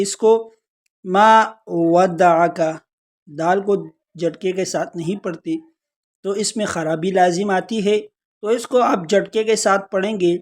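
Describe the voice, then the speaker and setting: A Quran recitation teacher, explaining pronunciation step by step and slowly drawing out each example word. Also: medium pitch. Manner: slow, drawn-out recitation of examples between explanations.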